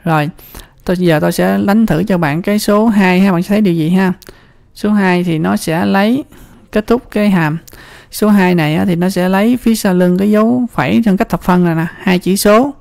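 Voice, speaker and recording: Spreadsheet tutor with a Southern Vietnamese accent: gravelly, chatty, keeps checking the viewer follows, recorded dry and close. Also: mid-range voice, brisk, a little mellow, no room sound. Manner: chatty, repeats words, often checks in with the viewer. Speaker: computer skills instructor.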